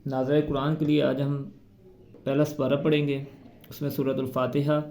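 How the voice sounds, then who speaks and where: A man teaching a Quran reading lesson, spelling out letters and vowel marks slowly before reciting the words. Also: medium pitch, little pitch movement, darkish tone, reverberant, a little hiss or hum.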